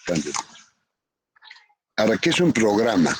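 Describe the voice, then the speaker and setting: A man's voice: on the low side, big pitch swings, measured pace. Man from Peru, economics professor, online lecture, repetitive and checking in, faint line hiss. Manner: calls on students by name, repeats definitions with tag questions. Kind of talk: lecturing in a virtual class. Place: home, online class. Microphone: computer mic on a video call.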